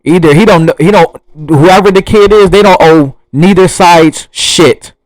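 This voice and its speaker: A man's voice: sits high, measured pace, dry recording, poor audio. A young man with a Southern US accent, talking bluntly and profanely to camera in a rambling monologue. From Southern United States. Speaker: vlogger.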